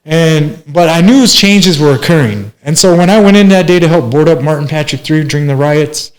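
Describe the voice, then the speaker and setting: Speaking a little high and with animation at a moderate pace, this man in his forties recounts his life as an interview guest, wandering off track and full of fillers and false starts. He's a master barber from Minneapolis, USA, and the audio quality is poor.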